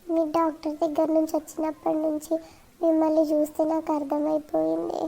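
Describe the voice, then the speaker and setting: A woman's voice: high voice, monotone, a little fast, creaky, mellow. Woman voicing weary dying mother, Telangana accent. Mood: fearful. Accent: Telangana Telugu. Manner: weak, resigned.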